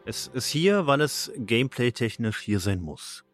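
A man hosting a podcast, chatting casually and relaxed about playing a video game. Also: mid-range voice, measured pace, dry recording, soft background music. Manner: relaxed, laughs at himself. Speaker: podcast host.

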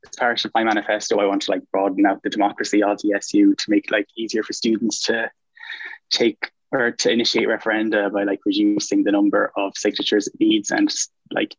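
A man's voice: on the low side, no echo, dull audio. A man in his twenties with a west of Ireland accent, giving informal, hesitant interview answers as a student election candidate. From Galway, Ireland. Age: 20s.

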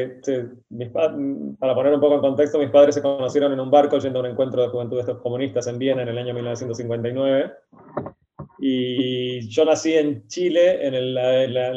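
Male writer in his forties, quick and stammering, warm dark tone. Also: mid-range voice. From Argentina. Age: 40s. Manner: fast, stammering restarts. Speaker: guest writer. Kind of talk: interview. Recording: slightly dull, muffled sound.

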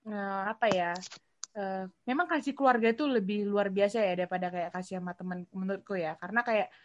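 A woman's voice: mid-range voice, fairly quick, a little hiss or hum. A young woman co-hosting a casual faith chat, talking loosely with lots of fillers and English phrases mixed in. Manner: chatty, mixes English phrases, many fillers. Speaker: podcast co-host. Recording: dull lo-fi recording.

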